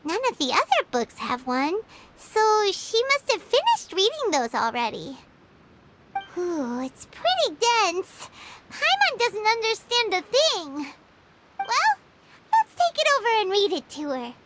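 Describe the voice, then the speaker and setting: Super squeaky little fairy sidekick from a game, excitable n loyal, drawn-out words, noisy background. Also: female voice, full character voice. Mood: curious, bubbly. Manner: squeaky, exclamatory, refers to self in third person. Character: tiny childlike fairy companion, excitable and loyal. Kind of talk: video game voice acting.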